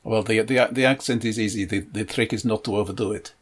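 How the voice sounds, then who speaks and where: A man, a tabletop game master, talking in a measured way in a casual chat, often stammering on his first words. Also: fairly low pitch, fairly even intonation.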